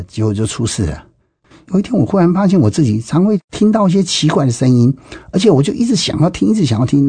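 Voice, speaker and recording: In an emphatic testimony about his life, a middle-aged man with a Taiwanese Mandarin accent keeps exclaiming and repeating phrases. His dark, husky voice is on the high side, recorded dry and close with little room sound and no echo.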